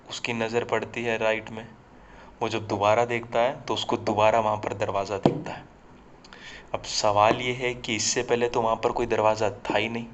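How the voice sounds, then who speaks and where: A man's voice: on the low side, a little hiss or hum. A man casually telling a horror story, talking directly to listeners, on a slightly muffled recording. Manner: conversational, addresses listeners directly.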